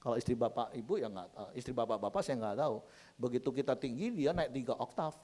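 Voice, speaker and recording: A man preaching a lively, humorous sermon, often addressing the congregation and acting out quoted couples. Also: medium pitch, fast talker. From Sumatra. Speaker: pastor.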